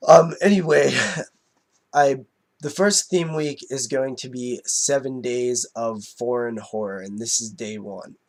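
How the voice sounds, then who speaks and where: A man's voice: mid-range voice, takes it slowly, darkish tone. Stuffy-nosed man rambling through a review. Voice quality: nasal. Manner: rambling, many fillers and restarts. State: congested from a cold, nasal. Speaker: horror film reviewer. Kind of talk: casual video review.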